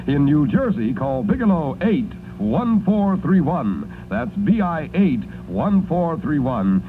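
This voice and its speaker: An American man, a radio announcer, delivering upbeat sales patter in the style of a chipper 1950s advertisement. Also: on the high side. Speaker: radio disc jockey and announcer. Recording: noisy, tinny vintage radio broadcast recording.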